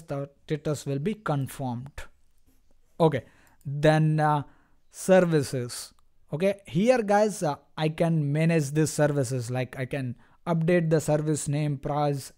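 Speaking directly to his audience, a man walks through a software demo captured on screen without a script. His voice sits a bit high, and his step-by-step explanation comes out in a halting way.

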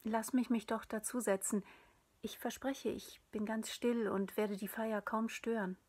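A woman voicing a quiet, mysterious stranger who gently insists on being let in, in a whispered role-play. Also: on the high side, fairly even intonation, unhurried, slightly rough. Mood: hushed pleading. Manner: soft, hushed, gently insistent. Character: mysterious quiet stranger guest, soft and persistent.

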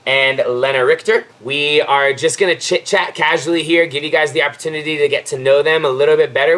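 A man's voice: a little high, a bit bright. Man, 30s, host, casual chat, upbeat, friendly, outdoor patio, distant camera mic. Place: outdoor covered patio in a backyard.

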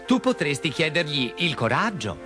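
A man's voice: on the high side, very animated, normal speed, over music, pitched above the performer's own voice. A man voicing a brave little girl in a storybook reading, raising his voice into an indignant, earnest tone. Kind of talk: storybook character voice.

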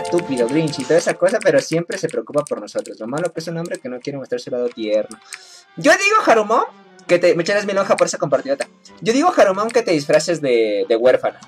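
A woman chatting casually with her viewers while she plays a video game, playful and teasing and laughing often. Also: sits low. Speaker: game streamer. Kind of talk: casual live-stream chat while gaming.

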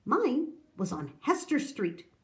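A woman's voice: high-pitched, big pitch swings, slow, pitched above the performer's own voice, exaggerated voice. A woman voicing a boastful old grandfather who spins gleeful tall tales. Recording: roomy echo.

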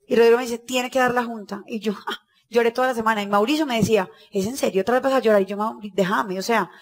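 A woman with a high, bright-pitched voice speaks to a conference audience. She gives a motivational talk in a lively storytelling manner and acts out the dialogue.

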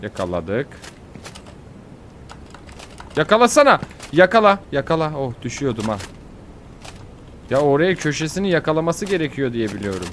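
A young man giving casual, excitable commentary on his own gameplay, fretting aloud and yelping at near falls. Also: mid-range voice, fairly quick, a little hiss or hum. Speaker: gaming YouTuber.

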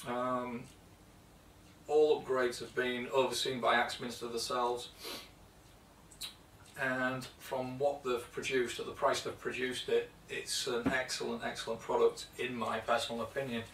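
A man's voice: medium pitch, flat delivery, unhurried, fairly bright tone, slight background noise. Chatty British man in an echoey workshop. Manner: chatty, rambling with fillers and restarts. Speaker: woodworking video host. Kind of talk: casual show-and-tell vlog. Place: home workshop, indoors. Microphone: camera mic from a few feet away. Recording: echoey workshop, distant mic.

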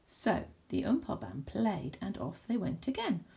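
A woman reading a children's picture book aloud in an expressive, animated way. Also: medium pitch, unhurried, gravelly. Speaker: storybook reader. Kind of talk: children's story read-aloud.

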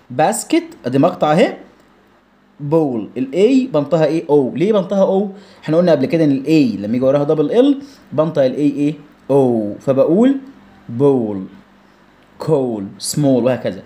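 A man's voice: on the high side, mellow. A young man with an Egyptian accent teaching English vocabulary in an online lesson, drilling pronunciation with repeated words and rhetorical questions. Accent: Egyptian Arabic.

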